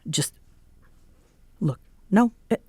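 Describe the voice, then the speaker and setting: In a roleplay audio drama, a woman plays a prickly young female roommate who sounds stern and guarded. Her delivery is unhurried, halting and defensive, though a soft side shows through. The recording is very dry, with no echo.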